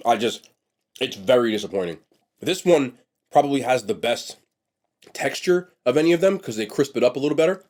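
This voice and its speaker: In a casual on-camera mukbang, a young man reviews food with an animated, fairly quick delivery. His medium-pitched voice is a little mellow but congested, nasal and sniffly, and his blunt, chatty remarks trail off into restarts.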